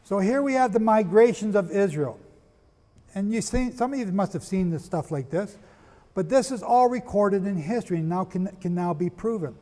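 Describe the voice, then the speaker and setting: A man giving a sermon-style history lecture, firing rhetorical questions at his listeners, spelling out names and rushing to get through it. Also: high voice, a little mellow, long reverb tail. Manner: asks the audience rhetorical questions; rushes, apologizes for talking fast. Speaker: preacher.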